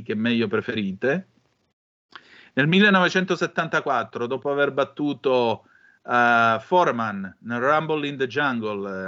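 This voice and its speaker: A man's voice: mid-range voice, bright, forceful tone. Rambling male radio host, lo-fi. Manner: rambling, storytelling. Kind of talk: casual radio talk.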